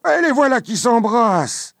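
Boisterous drunk tavern buddy, slurring, high and bellowing. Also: male voice, very animated, normal speed, vocal fry, a bit bright, dry recording, clean studio sound, full character voice. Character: drunk loud jovial man, boisterous teasing tavern friend.

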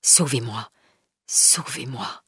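A woman's voice: sits low, expressive, slow pace, fairly bright tone, husky, dry recording, studio quality, full character voice. Woman doing a faint wounded young nobleman. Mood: pleading. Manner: weak, pleading.

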